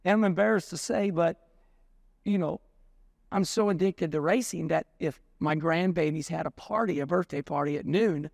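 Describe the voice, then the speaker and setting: A racing show host from the United States, in his sixties, recounts stories in easy conversation, bringing quoted people to life by acting out their voices. His voice is a little high and gravelly at normal speed, captured in studio quality without echo.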